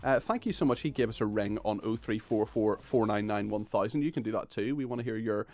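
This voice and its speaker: A man's voice: on the low side, brisk, darkish tone. A man in his thirties hosting a live radio phone-in, polite and often correcting himself, close on a studio microphone. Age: 30s. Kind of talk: live talk radio presenting. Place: small broadcast studio.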